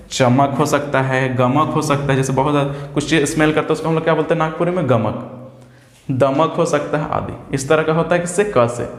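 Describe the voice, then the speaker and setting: Young male tutor, a little higher-pitched, quizzes himself, reverberant room. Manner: asks questions and answers them himself, drawn-out example words. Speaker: exam-prep teacher. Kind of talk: casual explanatory lesson. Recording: echoey room with long reverb.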